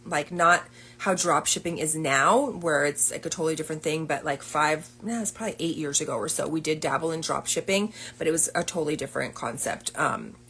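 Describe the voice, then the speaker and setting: A woman's voice: deep voice, a bit bright, slight background noise. A woman business coach chatting casually on a livestream, upbeat and full of fillers.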